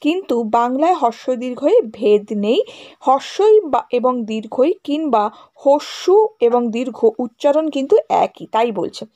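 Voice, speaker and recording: A woman's voice: sits high, lively intonation, moderate pace, warm tone, lo-fi sound. A woman teacher explaining a grammar lesson to schoolchildren. She goes over each point again and keeps checking with "right?" and "okay?".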